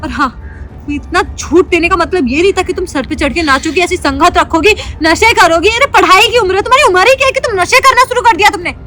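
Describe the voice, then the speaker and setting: A woman's voice: extremely high pitch, quick pace, bright, forceful tone. A woman acting a stern, protective elder sister-in-law who scolds and lectures. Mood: angry lecturing. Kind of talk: web sketch acting.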